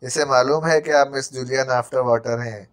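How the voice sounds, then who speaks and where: A man's voice: medium pitch, steady tone, natural voice. Brief: jumpy, wisecracking male servant in an audiobook drama, stutters under fright, read by a man. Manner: stammering, quick-tongued sarcasm. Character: jittery comic male servant, quarrelsome.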